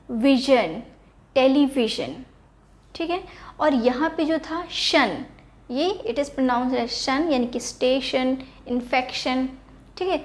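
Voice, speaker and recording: A woman teaching an English spelling and pronunciation lesson. She mixes English words into her Hindi, asks questions and then answers them herself, step by step. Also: sits high.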